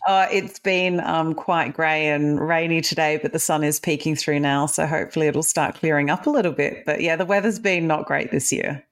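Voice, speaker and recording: An Australian woman speaks with a notably low voice. She chats casually and easily as a guest. Her voice comes through a video call. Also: steady tone, moderate pace, few pauses. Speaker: podcast guest, kinesiologist and author. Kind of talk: casual interview chat.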